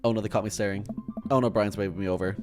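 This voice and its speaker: A man's voice: fairly low pitch, steady tone, racing, over music. A man casually commenting on a dating game as he plays, reading its text aloud and throwing in laughing, profane asides. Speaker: gaming channel host.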